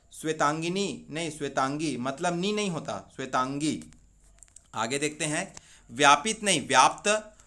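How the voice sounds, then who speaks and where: Guy teacher rattling off spellings one by one, kinda high voice, bright and forceful. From India. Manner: brisk word-by-word drilling. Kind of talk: exam-prep spelling lesson.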